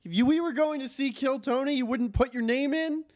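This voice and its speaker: A man's voice: very high-pitched, a little fast. A young man co-hosting a podcast, telling stories in casual chat and laughing often. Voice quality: laughing, animated storytelling. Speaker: podcast co-host.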